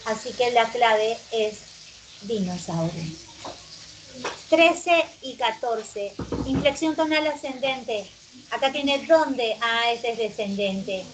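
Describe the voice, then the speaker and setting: A woman teaching an exam-review class, reading questions aloud and answering them herself in quick, short replies. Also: on the high side, lively intonation. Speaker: pre-university teacher. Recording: noisy recording with background hum.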